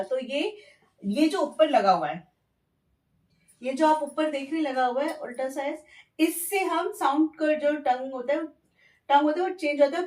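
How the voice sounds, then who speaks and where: High-voiced woman teaching slowly. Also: far from the mic. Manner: slow, repeats words clearly for learners. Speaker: Spanish teacher. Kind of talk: language lesson explained in Hindi. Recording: echoey room, voice off-mic.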